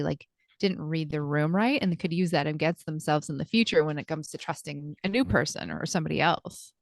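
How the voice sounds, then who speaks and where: A woman with a low-pitched voice, recorded with no room sound, hosts a podcast in casual conversation. She's a podcast host and life coach who chats thoughtfully and agreeably, using plenty of casual fillers.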